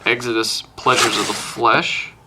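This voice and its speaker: A man's voice: medium pitch, flat delivery, unhurried, noisy background. A man chatting casually at home, rambling through a list and swearing offhand. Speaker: music collector vlogger. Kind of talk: casual chat listing albums. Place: room at home, close to a wall.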